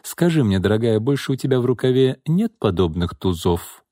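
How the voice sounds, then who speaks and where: A man's voice: medium pitch, sing-song, brisk, warm tone, dry recording, clean studio sound. A male narrator voicing a gossipy female TV reporter who speaks in a sweetly insinuating, conspiratorial way. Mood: sly.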